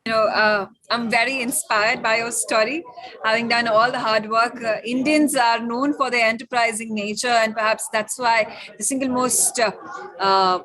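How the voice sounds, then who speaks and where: A woman's voice: fairly high pitch, steady tone, normal speed, a bit bright, poor audio. A woman hosting an interview, eagerly asking several questions in a row. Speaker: interview host.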